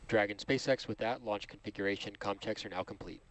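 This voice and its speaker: A man with a fairly low voice handles astronaut radio calls from mission control. He speaks in set procedural phrases, announcing checks and next steps. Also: brisk, a bit bright, slight background noise. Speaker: spacecraft communicator in mission control.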